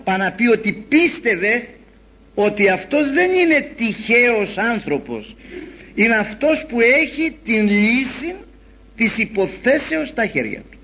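A man preaching a sermon in an animated storytelling way, acting out the voices he quotes. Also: high-pitched. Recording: dull lo-fi recording.

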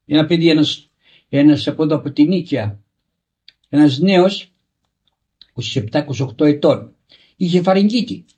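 Husky older monk telling a story. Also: male voice, a little high, a little mellow. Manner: halting, repeats and restarts words, acts out quoted dialogue. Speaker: monk elder. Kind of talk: recounting a personal anecdote.

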